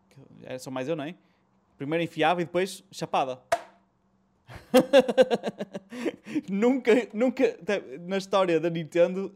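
Man, fairly high voice, European Portuguese accent, casual host, slangy, English words mixed in. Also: a little mellow. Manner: colloquial, slangy, swears and mixes in English. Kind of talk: casual chat about retro gaming.

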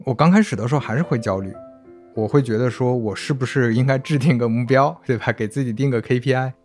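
Easygoing guy musing on a podcast, mid-pitch, thinks out loud, faint guitar under him. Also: quick pace. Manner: relaxed, reflective, thinks aloud with restarts. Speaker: podcast guest. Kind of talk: casual podcast chat.

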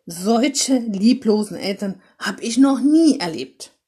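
Santa, old and stern but kind, telling folks off in a mellow voice, woman reading it. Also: medium pitch, expressive, measured pace, gravelly, breathy edge, heavily acted. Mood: scolding. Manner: firm, scolding.

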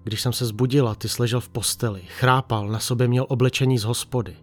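A man reading the part of a weary, reproachful young wife in a quiet, subdued voice. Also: medium pitch, steady tone, soft background music, lightly acted.

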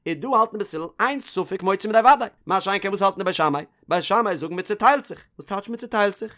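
Male Talmud teacher, high-pitched, explaining a text with rising and falling questioning cadence. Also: a bit bright. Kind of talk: Talmud study lesson.

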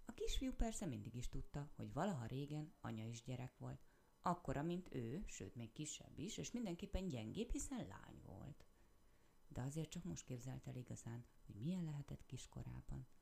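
A woman reading a children's story aloud with expressive narration. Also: a bass voice, gravelly.

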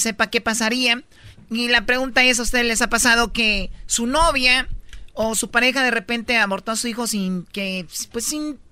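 A woman's voice: on the high side, pushed and bright, clean tone, no room sound. A woman co-hosting a radio show, chatting her way through a news item. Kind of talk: radio talk segment.

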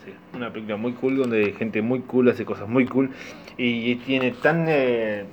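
A young man with a Rioplatense Spanish accent co-hosting a casual podcast, speaking quietly in a low-key, dry way. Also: measured pace, muffled recording, slight background noise. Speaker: podcast co-host. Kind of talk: casual chat.

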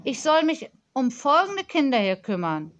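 A woman voicing a whimsical, dreamy grown-up nanny who speaks calmly and mildly. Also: sits high, moderate pace, lo-fi sound, pitched above the performer's own voice.

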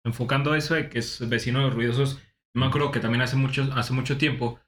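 A man's voice: mid-range voice, fairly even intonation, fast, fairly bright tone. A young Mexican man chatting casually with friends in slang, often repeating himself. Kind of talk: casual chat among friends. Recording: echoey room, clear background noise.

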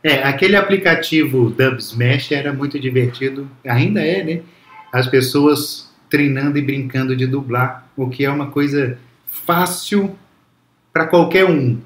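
A man's voice: mid-range voice, unhurried, a bit bright, reverberant. A man, reflective and storytelling, talking as a guest in a casual conversation. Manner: reflective, storytelling, frequent restarts.

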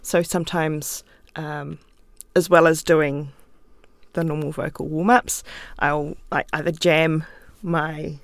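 New Zealand woman, interview guest; creaky, gravelly tone, dry close studio sound, easygoing and chatty. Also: low voice, steady tone, slow pace, no echo. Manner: chatty, laughs often, thinks aloud. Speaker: guest writer. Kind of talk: relaxed interview talk. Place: recording studio.

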